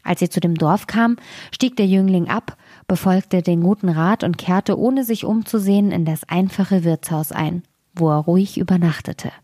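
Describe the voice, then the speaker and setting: A woman reading a fairy tale aloud as a podcast host, in a measured, even storytelling manner. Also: on the low side, dry recording, clean studio sound.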